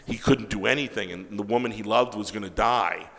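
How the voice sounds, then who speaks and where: Gravelly low-voiced man telling stories. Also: brisk, long reverb tail. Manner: animated, acts out quoted dialogue, swears freely. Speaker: comic book writer, interview guest. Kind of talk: casual anecdotal storytelling.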